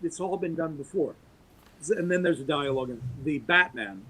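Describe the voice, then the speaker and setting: A middle-aged man, guesting on a podcast, delivers a long opinionated monologue in an animated, brisk voice that sounds pushed, bright and slightly rough. His emphatic delivery swoops through wide pitch swings. The recording quality is low.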